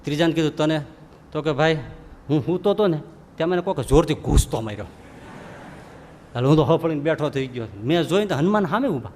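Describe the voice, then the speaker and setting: High-voiced preacher. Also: male voice, a little fast, pauses often, a little hiss or hum. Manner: lively storyteller who acts out quoted characters. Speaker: monk preacher. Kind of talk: devotional sermon with storytelling. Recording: long hall reverb.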